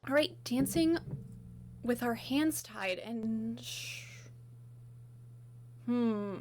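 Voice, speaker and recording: A woman chatting casually as she ranks songs, gushing and enthusiastic, with lots of filler words and a slightly hoarse voice. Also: fairly high pitch, very slow, a little mellow, a little hiss or hum. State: slightly hoarse, losing her voice. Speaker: video host. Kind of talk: casual music ranking chat.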